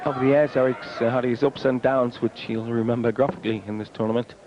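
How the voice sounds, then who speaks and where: A man's voice: mid-range voice, fairly even intonation, fast talker, a crowd in the background. A man giving live darts commentary in a colourful, wry way. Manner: colourful, wry turns of phrase. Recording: dull, noisy archive TV broadcast.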